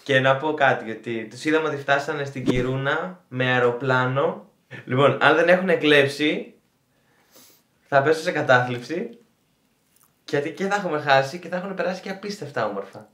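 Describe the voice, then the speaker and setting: A man's voice: medium pitch, fairly bright tone, a little hiss or hum. A young man explaining the situation wryly in a casual travel vlog. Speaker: vlogger. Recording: echoey room.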